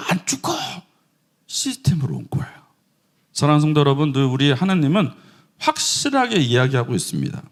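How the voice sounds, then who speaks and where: Animated preaching man, lively pitch. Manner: animated, acts out quoted voices and shouts. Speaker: pastor. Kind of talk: sermon. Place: church sanctuary.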